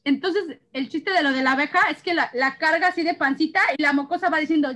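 A woman in her thirties with a Mexican accent tells a chaotic family story in casual chat. Her voice sits high, and she talks in an animated way, laughing often as she goes. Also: moderate pace. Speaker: co-host of an essential oils channel. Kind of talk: casual chat between sisters.

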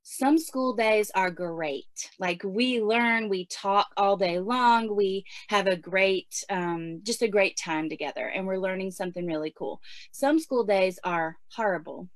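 A woman's voice: mid-range voice, a little slow, dry recording. A woman in her forties giving casual homeschooling advice in a chatty way, with many fillers. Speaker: homeschooling guest speaker.

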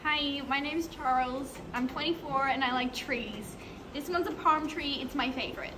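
A teenage student playing a goofy young man who loves trees, in a school parody video, recorded from a distance over loud music. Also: sits high, normal speed, noisy background, close to an everyday voice. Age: teens. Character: goofy male contestant "Charles", 24, loves trees. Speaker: student in a dating show parody. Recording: far from mic, loud backing music.

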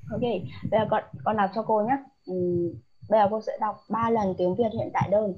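A woman's voice: mid-range voice, a little fast, breathy edge. A woman tutoring a child in English one-on-one, patient and coaxing, switching between languages as she explains. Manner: patient, coaxing teacher mixing languages, lively when explaining. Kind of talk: one-on-one online English lesson. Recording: dull lo-fi sound.

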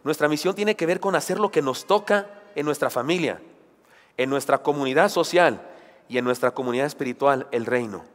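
A man's voice: on the high side, brisk. A man preaching a sermon, emphatic, with rhetorical questions and joking asides. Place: church sanctuary. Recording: long church hall reverb.

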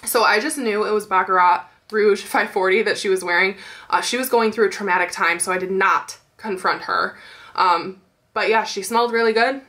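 A woman's voice: mid-range voice, sharp tone. A young woman with a nasal, stuffy-sounding voice, gushing about makeup in a casual chatty video with lots of fillers. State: stuffy nose. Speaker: beauty vlogger. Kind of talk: casual chatty product review.

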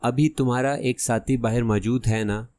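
A man voicing a cunning masked gunman in an audiobook who gives hushed, threatening orders. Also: medium pitch, steady tone, no room sound, lightly acted. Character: menacing masked male gunman, cunning and cold.

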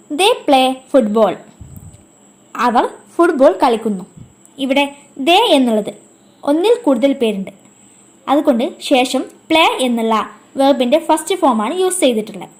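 A woman teaching a grammar lesson from a script, explaining in measured steps and saying English example sentences very slowly. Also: sits high, darkish tone.

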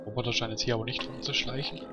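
Male let's player, mid pitch, dry offhand commentary, heavy game music underneath. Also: little pitch movement, rapid-fire. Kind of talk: casual gameplay commentary. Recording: loud game music behind voice. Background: video game music and sounds.

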